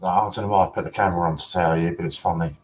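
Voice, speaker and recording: A man's voice: deep voice, steady tone, rapid-fire, poor audio. A man hosting a casual collector livestream, chatty and teasing, often breaking into giggles.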